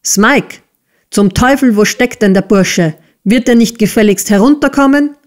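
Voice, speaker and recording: A woman voicing a brutal male schoolmaster who shouts, sneers and bullies, in an audiobook reading. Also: a little high, unhurried, voice pushed up, natural voice. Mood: raging.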